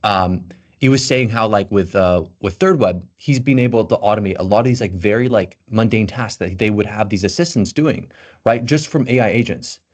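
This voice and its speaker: This tech content creator, Belgian but American-accented, speaks at a normal speed in a fairly low, darkish voice. As a podcast guest in casual conversation, he comes across loose and eager, filling his lines with "like."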